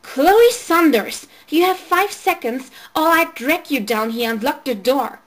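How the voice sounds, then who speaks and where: A woman voicing a bossy teenage girl babysitter who calls out loudly and impatiently. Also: very high-pitched, a little slow, heavily acted. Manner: loud, commanding, impatient.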